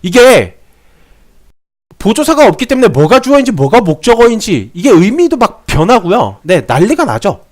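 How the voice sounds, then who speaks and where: Lively high-voiced man teaching grammar. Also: moderate pace. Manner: chatty, repeats phrases, rhetorical questions. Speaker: English teacher. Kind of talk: explanatory grammar lesson.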